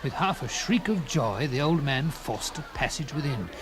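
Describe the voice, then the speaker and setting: Here the reader is a man whose voice sits a little high, with lively intonation, delivering a classic story in a dramatic first-person style. His phrasing is theatrical and deliberate, building in emphasis, over clearly noisy background ambience.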